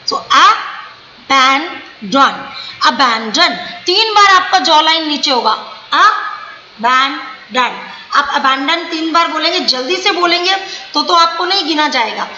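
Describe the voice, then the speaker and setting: Indian lady teacher, high pitched, talks real slow to little kids, echoey room. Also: expressive, bright, forceful tone, lo-fi sound. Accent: Indian English. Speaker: English teacher. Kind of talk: online class lesson for young children.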